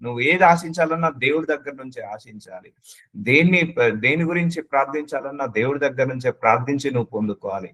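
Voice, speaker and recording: A man's voice: medium pitch, expressive, fast talker, a bit bright, low-quality recording. A man preaching a sermon, earnestly addressing the listener with repeated questions and slipping English words into his speech.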